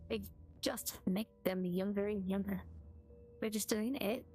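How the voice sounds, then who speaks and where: A man voicing a rugged, sarcastic woman receptionist in a video game, dismissive and deadpan. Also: high-pitched, measured pace, voice pushed up. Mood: scornful, weary. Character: rugged, curt, sarcastic woman behind a desk.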